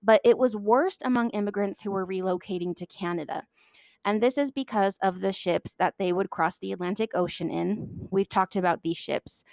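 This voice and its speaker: A woman's voice: medium pitch, normal speed, gravelly, darkish tone, dry recording. A woman hosting a history podcast, narrating from a script in an emphatic way, leaning hard on key words. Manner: emphatic, stresses key words, self-deprecating asides.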